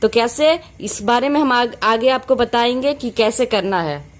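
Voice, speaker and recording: Indian woman slowly explaining English words. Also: a little high. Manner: repeats and explains each phrase, reads English slowly word by word. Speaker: English teacher, channel host.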